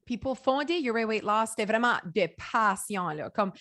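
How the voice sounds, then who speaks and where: Acadian woman in her 30s, talks fast and lively, throws in english words, pretty high voice, dry close sound. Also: no room sound. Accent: Acadian French. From Acadia, New Brunswick. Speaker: podcast guest, business founder. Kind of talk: casual interview chat.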